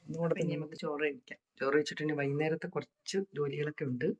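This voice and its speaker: Hoarse low-voiced woman vlogging at home. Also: little pitch movement, racing, loud music behind the voice. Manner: chatty, calls out loudly to her daughter. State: hoarse from a sore throat. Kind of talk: casual home vlog chat. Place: home, indoors.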